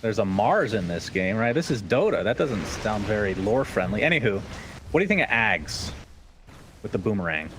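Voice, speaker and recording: A man doing play-by-play esports commentary, his pitch jumping sharply upward whenever a fight breaks out. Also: big pitch swings, normal speed, fairly bright tone, slight background noise.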